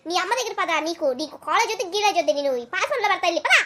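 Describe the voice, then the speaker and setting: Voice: very high voice, expressive, rapid-fire, noisy background. A voice actor playing a stern middle-aged father scolding his son. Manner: scolding, threatening.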